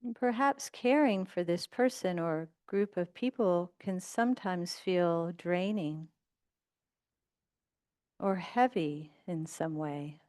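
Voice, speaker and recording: A woman teacher guides a meditation with gentle, unhurried instructions separated by long pauses. Her voice is on the low side.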